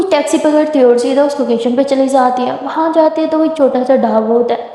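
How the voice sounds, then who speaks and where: A woman's voice: high-pitched, normal speed, dark tone. A woman telling a love story in a conversational, retelling way, as a storyteller. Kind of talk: Hindi love-story narration. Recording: echoey room with long reverb.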